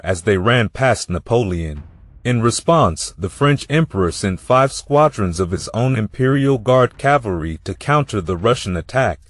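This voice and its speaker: A man reading a scripted history narration in an even, measured storytelling way. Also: fairly low pitch. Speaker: documentary narrator.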